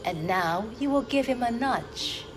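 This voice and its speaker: Slow, menacing woman crime boss. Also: fairly high pitch, animated. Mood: cold scheming. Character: cold, scheming older woman crime boss in a red suit. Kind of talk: video game cutscene acting. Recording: music under dialogue.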